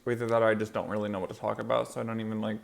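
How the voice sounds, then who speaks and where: A man's voice: fairly low pitch, flat delivery, rapid-fire, creaky. A man hosting an eating show, chatting casually and in a rambling way to viewers while chewing as he talks. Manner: rambling, loosely strung thoughts. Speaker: mukbang host.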